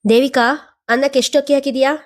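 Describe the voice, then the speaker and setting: A woman voicing a bossy, stingy sister-in-law who gives brisk orders. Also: high-pitched, steady tone, voice pushed up, natural voice.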